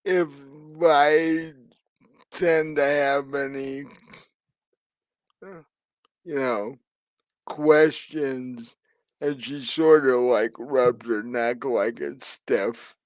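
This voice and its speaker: A man narrating a tabletop role-playing game as game master, speaking slowly and hesitantly with many fillers. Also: medium pitch, steady tone, dry recording.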